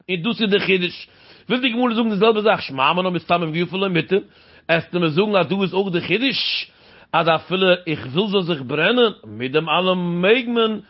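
A man works through a Talmud passage in a sing-song teaching cadence. He keeps posing rhetorical questions and answering them himself. The recording sounds dull and lo-fi. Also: high-pitched. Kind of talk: Talmud study lecture.

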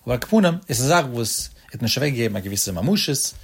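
A man's voice: mid-range voice, big pitch swings, fast, slightly rough. A man giving a traditional religious text-study lesson, explaining step by step in a sing-song cadence and repeating the key terms.

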